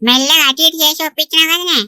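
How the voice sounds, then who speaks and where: A woman voicing a sharp-tongued middle-aged village aunt in a cartoon, scolding and teasing. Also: sits high, steady tone, racing, no echo. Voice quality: bright, scolding. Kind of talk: Telugu cartoon dubbing.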